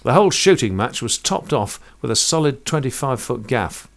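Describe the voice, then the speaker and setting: A man narrating a first-person sea story in a vivid, measured way, rich with sailing terms. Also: mid-range voice, big pitch swings, gravelly.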